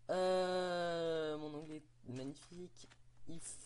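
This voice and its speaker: A man's voice: on the high side, steady tone, slow, darkish tone, a little hiss or hum. A young man, giving playful, chatty commentary on his game and exclaiming at what he finds. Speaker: Minecraft let's play host. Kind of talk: casual gameplay commentary.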